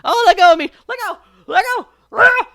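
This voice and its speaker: A storyteller voicing a folksy, hot-tempered male country rabbit in a high, loud, drawling voice for a spoken folktale. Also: expressive, normal speed, clean tone, dry recording, studio quality. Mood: frantic.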